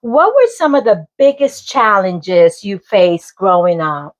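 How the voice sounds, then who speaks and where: A woman hosting an interview show, asking measured questions with frequent ums. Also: medium pitch, very animated, rough recording. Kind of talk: hosted interview.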